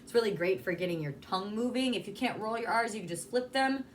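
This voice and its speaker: This vocal coach has a medium-pitched, expressive voice and talks fast against slight background noise. Her lesson on articulating sounds is casual and informal, full of demonstrations.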